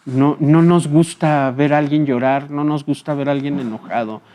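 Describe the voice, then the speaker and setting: A man, a psychologist guest explaining things calmly in an interview, often pausing on fillers and checking in with short tag questions. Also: a little high. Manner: frequent filler hesitations.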